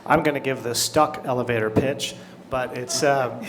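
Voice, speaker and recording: A man, an author and musician, introducing his novel on a book festival panel in a measured way, with some hesitations. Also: medium pitch, steady tone, slight background noise. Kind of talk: panel talk.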